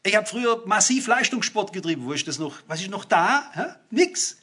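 With a high voice, sharp tone, and lively intonation, an older man preaches quickly, talking straight to his listeners. His sermon is emphatic and keeps rising to exclamations.

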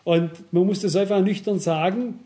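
A man's voice: sits high, steady tone, warm tone. A man preaching a sermon, reasoning with examples, reading Bible verses aloud and often asking the congregation "wisst ihr?". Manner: measured, cautious reasoning with examples.

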